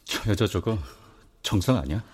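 A man playing a husky, slow-talking husband. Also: lowish voice. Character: husband, protective and determined.

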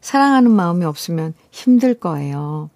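A middle-aged woman hosts a radio show, her voice mellow and soft-edged. She reads listener letters and chats about them with playful teasing and easy laughter, close on a dry studio mic with no room sound. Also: fairly low pitch, animated, unhurried, no room sound. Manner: warm chatty, laughs often, teasing asides. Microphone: studio microphone.

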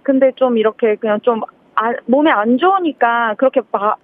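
A woman's voice: a little high, normal speed, dry recording. A woman in her thirties calling a radio show from a car, talking shyly and hesitantly. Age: 30s. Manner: shy, hesitant, giggly. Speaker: caller. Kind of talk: casual radio phone-in chat. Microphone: phone call from a moving car. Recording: tinny phone line.

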